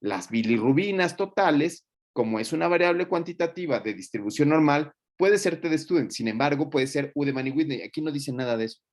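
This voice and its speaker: A man's voice: on the high side, lively intonation, fairly quick, hardly any pauses. A man speaks as a teacher reviewing student presentations in class. His talk is colloquial and joking, with plenty of fillers and asides.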